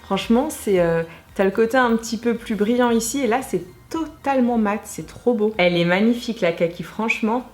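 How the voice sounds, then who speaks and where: A woman's voice: fairly high pitch, a little fast, few pauses, darkish tone, faint music behind. A woman in her thirties chatting casually and enthusiastically as she unboxes beauty products, gushing over each one. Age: 30s. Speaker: beauty vlogger. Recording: echoey room, faint noise.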